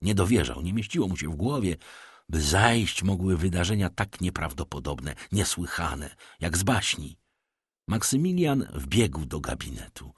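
Male audiobook narrator, low husky voice, lively intonation, dry close sound. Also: unhurried, dry recording. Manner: expressive, dramatic storytelling.

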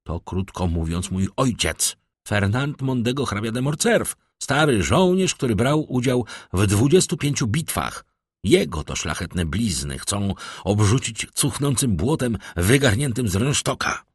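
A man's voice: low voice, big pitch swings, moderate pace, dry recording, studio quality. A man voicing a proud young count. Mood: indignant. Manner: stiff, demanding, heated. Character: young indignant male count, proud and insistent. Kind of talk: audiobook character voice.

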